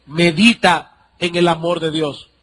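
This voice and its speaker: Male pastor, high voice, sermon delivery with repeated rhetorical questions. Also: steady tone, a little slow, fairly bright tone. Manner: preaching with rhetorical questions and repetition.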